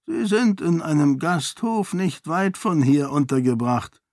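A man's voice: fairly high pitch, lively intonation, a little slow, a little mellow, no room sound, clean studio sound, pitched above the performer's own voice. Man voicing a grave old duke.

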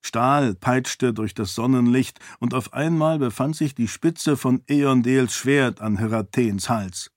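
A man narrating a fantasy audiobook in a steady, clear storytelling manner. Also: medium pitch, slow, few pauses, no room sound, studio quality.

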